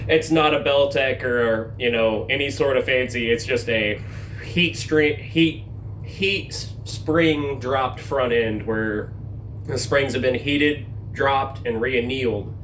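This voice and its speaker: A man's voice: medium pitch, slow, a bit bright. A man talking casually like a hands-on mechanic, explaining a repair to the camera in an informal, folksy way. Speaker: amateur mechanic presenting a truck repair. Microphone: handheld camera held while working. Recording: clear vehicle and engine noise.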